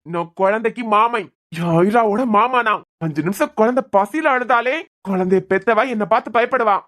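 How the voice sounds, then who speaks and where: A woman's voice: mid-range voice, normal speed, a bit bright, lightly acted. A woman with a Kanyakumari Tamil accent voicing a stern young male doctor who scolds and interrogates in a cartoon. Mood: pressing. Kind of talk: cartoon voice acting.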